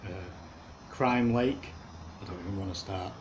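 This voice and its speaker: A man's voice: deep voice, unhurried, lo-fi sound, a little hiss or hum. A man, giving rambling, casual commentary as he walks along a city canal. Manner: rambling, chuckling asides. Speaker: canal walk video maker.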